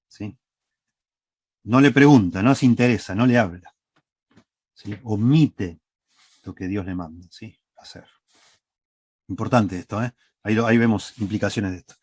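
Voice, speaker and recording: A man's voice: medium pitch, dry recording, studio quality. A man preaching a sermon with an Argentine Spanish accent, teaching step by step and checking in with the congregation. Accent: Rioplatense Spanish. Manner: teaching, asks the congregation "¿sí?" often. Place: church.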